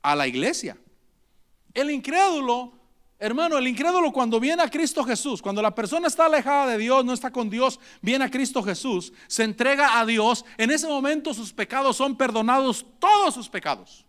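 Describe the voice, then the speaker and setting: A male pastor preaching a sermon, calling on the congregation and dropping to a hush for acted prayers. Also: very high voice, normal speed, clean tone. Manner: animated preaching with calls to the congregation; drops to a hushed voice for acted prayers.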